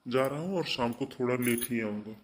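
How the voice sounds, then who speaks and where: A man's voice: medium pitch, fairly quick, close to an everyday voice. A man voicing a young married son in a cartoon, who lectures his wife sternly about respecting his mother. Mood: weary. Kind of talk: cartoon voice acting.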